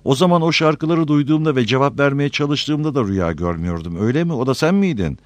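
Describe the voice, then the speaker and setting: A man voicing Frodo, a weary gentle hobbit. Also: mid-range voice, expressive, fast, no echo, voice pushed up, lightly acted. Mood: dazed. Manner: tired, soft-spoken. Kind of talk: audiobook reading.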